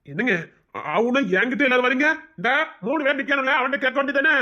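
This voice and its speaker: A woman's voice: mid-range voice, moderate pace, close to an everyday voice. A woman voicing an exasperated, put-upon young cartoon husband who complains indignantly. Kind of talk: cartoon voice acting. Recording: dull, lo-fi sound.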